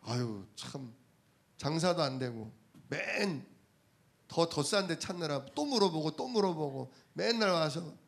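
A man preaches a sermon in a conversational way, telling everyday stories and asking the congregation rhetorical questions. His voice is fairly high and gravelly, with lively intonation and an unhurried pace.

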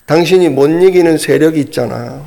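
A man quoting his wife as she patiently reasons with him in slow, steady, point-by-point words during a sermon. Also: on the high side, gravelly. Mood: patient reasoning. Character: calm wife patiently reasoning with her husband.

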